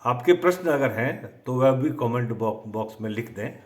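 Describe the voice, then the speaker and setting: A man teaching poetic meter in a slow, methodical lesson, dictating word lists. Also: mid-range voice, animated. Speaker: poetry teacher.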